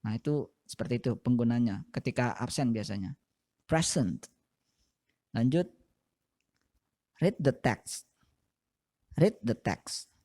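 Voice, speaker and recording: Male English teacher with an Indonesian accent, unhurried delivery, mid-range voice, models each phrase twice. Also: medium pitch, animated, dark tone. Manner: repeats each phrase slowly to model pronunciation. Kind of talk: classroom-style language lesson.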